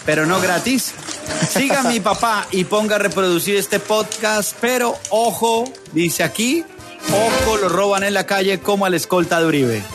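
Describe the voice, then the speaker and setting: A man's voice: sits high, normal speed, over music. A man hosting a radio show, with jokey banter and a sing-song announcer delivery.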